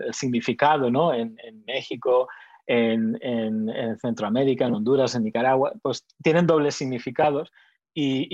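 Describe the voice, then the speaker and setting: A man's voice: mid-range voice, no room sound. Man, Spanish accent, from Spain, TV weather presenter, hesitant, many fillers, dry, muffled lo-fi sound. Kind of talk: interview answers, casual.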